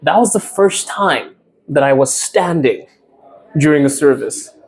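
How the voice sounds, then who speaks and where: A man's voice: a little high, animated, a little slow, a crowd in the background. A man hosting a podcast, asking curious questions casually and laughing often. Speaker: podcast host. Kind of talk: casual interview chat.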